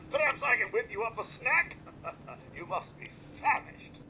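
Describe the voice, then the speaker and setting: A man's voice: extremely high pitch, noisy background, heavily acted. An actor voicing a polite, fussy male robot butler in a video game, formal and courteous and always calling the listener sir. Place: game soundtrack with music behind.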